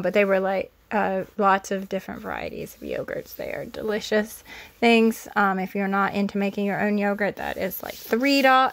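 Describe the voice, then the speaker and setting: A woman in her thirties talks casually through a grocery haul, filmed on a handheld phone. She is chatty and rattles off prices, often correcting herself mid-sentence. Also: mid-range voice. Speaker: homesteading vlogger. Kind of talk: casual shop-with-me haul narration. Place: store aisles, then home kitchen. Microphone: handheld phone camera.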